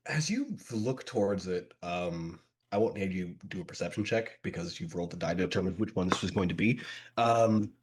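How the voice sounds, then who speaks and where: A man's voice: low-pitched, lively intonation, normal speed, a little hiss or hum. A man running a tabletop game as game master. He describes scenes at length, with many fillers and restarts. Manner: descriptive narration with frequent fillers.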